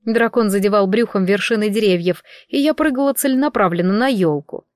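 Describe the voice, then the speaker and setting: A woman narrating a first-person fantasy audiobook in a wry, even storytelling manner. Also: medium pitch, brisk, no echo, studio quality. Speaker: audiobook reader.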